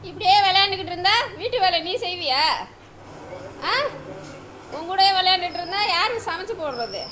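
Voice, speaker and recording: A woman's voice: very high-pitched, lively intonation, a little fast. A woman at home talking casually to her pet dogs, scolding and teasing them with repeated questions. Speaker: dog owner vlogger. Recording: noisy home recording.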